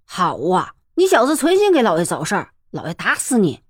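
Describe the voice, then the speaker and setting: A woman's voice: mid-range voice, wildly swooping pitch, brisk, breathy edge, dry recording, studio quality. A woman voicing a blustering, bullying middle-aged village headman in a storybook reading. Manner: loud, bullying, stammering when scared.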